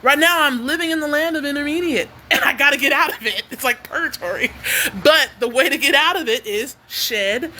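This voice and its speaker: High bright-voiced woman on a home livestream, quirky and animated, faint hum behind her. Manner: animated and quirky, laughs often. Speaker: independent singer-songwriter. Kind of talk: casual livestream chat with viewers. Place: home near a noisy freeway.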